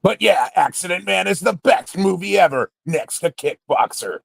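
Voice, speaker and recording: A man talks in a gravelly, creaky movie trailer voice, even in casual panel chat. The sound is dry and close, with a slightly raised pitch for a man. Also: moderate pace, no room sound. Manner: deep gravelly movie trailer announcer delivery as natural talking voice. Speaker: panelist and film reviewer.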